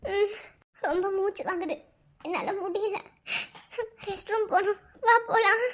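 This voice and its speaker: A woman's voice: very high voice, normal speed. A woman voicing a young pregnant wife in a cartoon, anxious and tender, with a Madurai Tamil accent. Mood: tearful. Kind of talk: cartoon voice acting.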